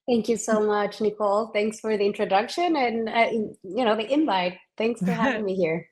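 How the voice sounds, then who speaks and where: Guest, woman, 40s, from Ecuador, chatty and lively, often restarts mid-sentence. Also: mid-range voice, normal speed. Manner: restarts often, animated and enthusiastic. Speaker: guest, physician scientist. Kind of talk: casual interview conversation.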